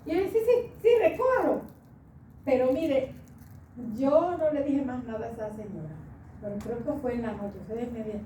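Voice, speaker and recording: A woman's voice: fairly high pitch, moderate pace, mellow, echoey room, far from the mic, slight background noise, low-quality recording. A woman from the Dominican Republic with a Dominican accent, giving an emotional church testimony and often breaking into laughter and tears. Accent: Dominican Spanish.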